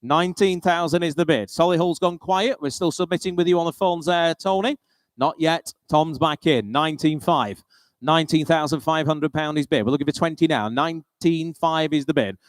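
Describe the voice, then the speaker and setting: A British man runs a live auction as auctioneer, repeating bid figures in practised patter. His voice sits a little high for a man and is smooth and clear. The sound is close and dry, with no room echo. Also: normal speed.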